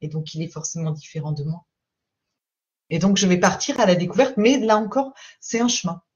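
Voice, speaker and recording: On the low side and fairly quick, a woman's voice comes through lo-fi audio as she gives a live-streamed parenting talk. She coaches calmly and patiently, frequently checking in with her viewers.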